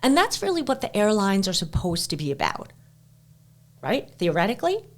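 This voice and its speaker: A woman's voice: mid-range voice, huge pitch swings, normal speed. A woman co-hosting a podcast in casual chat, chatty and sarcastic, with lots of fillers. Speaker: podcast co-host.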